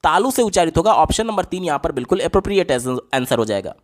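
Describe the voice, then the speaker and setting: A man's voice: a little high, very animated, quick pace. A man explaining exam questions step by step as a teacher, often asking a question aloud and then answering it himself. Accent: Hindi. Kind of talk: explaining lesson on screen.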